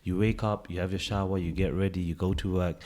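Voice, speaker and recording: Mid-twenties man, low-ish voice, eager and earnest co-host. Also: steady tone, a little fast, darkish tone. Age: 20s. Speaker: podcast co-host. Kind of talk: casual chat.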